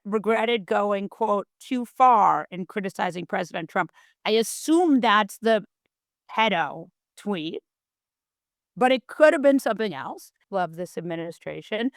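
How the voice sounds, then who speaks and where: A woman's voice: medium pitch, a bit bright, no room sound, clean studio sound. A middle-aged woman hosting a political podcast in casual chat, sardonic and profane, repeating words for emphasis. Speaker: podcast host.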